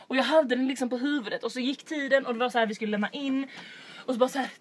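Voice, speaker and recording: Animated young Swedish-speaking woman storyteller. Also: sits high, a little hiss or hum. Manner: animated storyteller, acts out others in exaggerated English. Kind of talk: casual chat.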